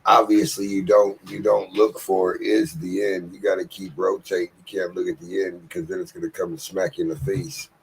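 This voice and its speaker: Late-40s guy hosting, real low gravelly voice, kinda husky, laid-back and cursing a lot. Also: little pitch movement, fairly quick, few pauses, low-quality recording. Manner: laid-back, profane, encouraging. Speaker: podcast host interviewing. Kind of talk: casual chat.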